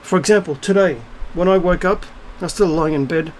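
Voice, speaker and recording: A man's voice: high voice, brisk, slight background noise, poor audio. A middle-aged man in an unscripted, ranting video monologue, blunt and profane, rambling with many fillers and restarts. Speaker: video blogger.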